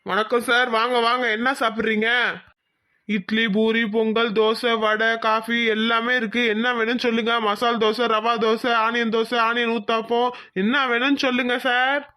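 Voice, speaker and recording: A woman's voice: fairly high pitch, flat delivery, moderate pace, pushed and bright, dry recording, studio quality. A woman voicing an eager male hotel waiter in a cartoon, reeling off dishes in a chirpy, salesy way. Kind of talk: cartoon voice acting.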